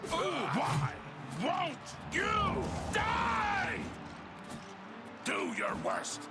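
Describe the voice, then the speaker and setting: An actor playing an aggressive male gladiator in a fantasy game, shouting defiant taunts. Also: extremely high pitch, huge pitch swings, extremely slow, over loud music, full character voice. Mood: furious, defiant. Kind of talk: video game combat barks. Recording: game audio under loud fight noise.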